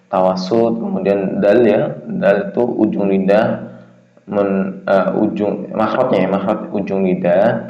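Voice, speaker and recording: A man teaching Quran recitation in a casual lesson, chanting verses long and slow, then explaining them in a relaxed, loose way. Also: on the low side. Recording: echoey, dull lo-fi sound.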